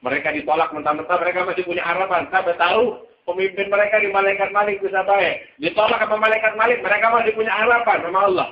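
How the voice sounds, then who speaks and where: A man's voice: high voice, little pitch movement, quick pace, reverberant, dull audio. A man preaching a sermon, telling a story dramatically and acting out its voices, mixing Arabic recitation with casual speech.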